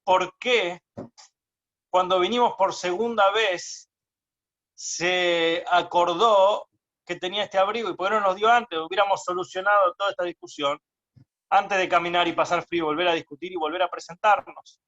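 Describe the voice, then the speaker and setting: A man's voice: high-pitched, fairly even intonation, normal speed, fairly bright tone. A man voicing a poor old father who pleads earnestly with a rabbi. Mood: pleading. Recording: dull lo-fi recording.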